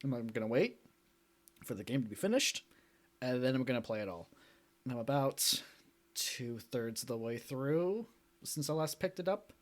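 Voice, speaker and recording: A man co-hosting a podcast, casually telling gaming stories and acting out what he said. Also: mid-range voice. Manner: animated storyteller, acts out quotes. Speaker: podcast co-host. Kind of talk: casual chat.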